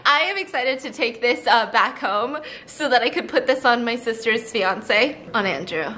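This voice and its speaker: A young woman hosting a vlog, chatting casually to camera with her partner in an excitable, dramatic, giggly manner. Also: fairly high pitch, normal speed. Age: young adult. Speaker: vlog host. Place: living room and kitchen at home, indoors.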